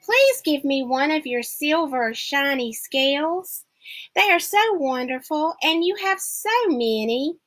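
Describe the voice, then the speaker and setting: Little boy fish begging, way up high, a woman puts him on. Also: lively intonation, takes it slowly, fairly bright tone, exaggerated voice. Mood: pleading. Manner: eager, pleading. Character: small pleading young male fish.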